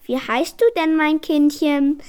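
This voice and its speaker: A woman's voice: high voice, steady tone, unhurried, darkish tone. A woman voicing an indignant, prim stout lady in a storybook reading, scolding in a raised voice. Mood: coaxing. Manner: scolding, indignant, then coaxing.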